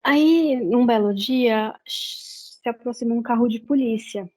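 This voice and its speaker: A Brazilian Portuguese-accented woman chats her way through a book review with a fairly high voice. She retells the plot loosely, piling on fillers and restarting her sentences as she goes. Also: slow pace, a little mellow, poor audio. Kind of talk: casual book review chat.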